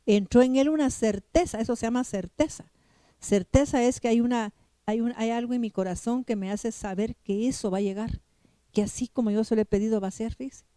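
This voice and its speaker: A woman preacher delivers a sermon in a deep, mellow, very warm tone. She is emphatic, repeats her phrases and keeps turning to the congregation with direct questions. The sound is close and dry, with no room echo. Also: brisk. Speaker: pastor.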